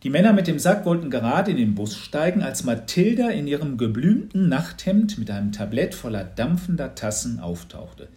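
A man reading a children's storybook aloud in a lively, expressive manner. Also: fairly high pitch, moderate pace, hardly any pauses. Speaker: narrator.

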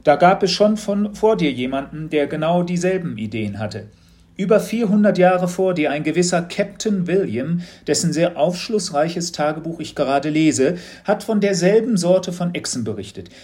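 A man's voice: on the high side, lively intonation, moderate pace, a little mellow, voice pushed up, close to an everyday voice. A man reading a story aloud, voicing a mysterious male teacher who asks leading questions in a raised voice. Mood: probing. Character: mysterious probing male teacher, knowing and sly. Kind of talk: audiobook storytelling.

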